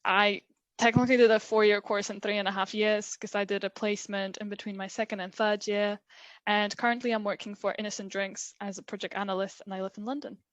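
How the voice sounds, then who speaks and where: A woman's voice: medium pitch, level tone, fairly quick, a bit bright, no room sound. Chatty young woman from Poland. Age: 20s. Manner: chatty, laughs often, many fillers. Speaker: interview guest, recent graduate. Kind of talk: casual video interview.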